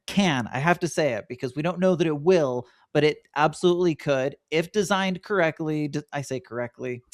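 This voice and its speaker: A man's voice: a little high, no room sound, clean studio sound. A man hosting a podcast, steering the discussion and affirming his co-host's points in a conversational way. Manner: guiding, affirming, quick back-and-forth. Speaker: podcast host.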